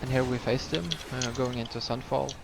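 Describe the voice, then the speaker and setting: A man with a lisp and a nasal voice, giving a casual, halting game walkthrough. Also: mid-range voice, steady tone. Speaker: gamer giving a healer guide. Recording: clear background noise, keyboard typing.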